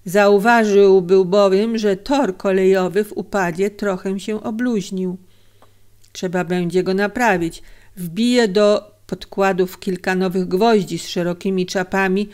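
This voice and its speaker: A woman's voice: medium pitch, steady tone, a little slow, a little mellow, clean tone. A woman narrating a story aloud in a dramatic audiobook reading. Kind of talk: scripted narration.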